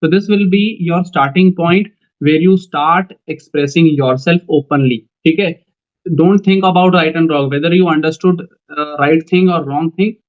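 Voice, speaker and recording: A young man with an Indian English accent giving a coaching lecture, speaking in a calm, measured way and often repeating "okay" between points. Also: on the high side. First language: Hindi. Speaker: teacher for defence exam interviews. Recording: dull lo-fi sound.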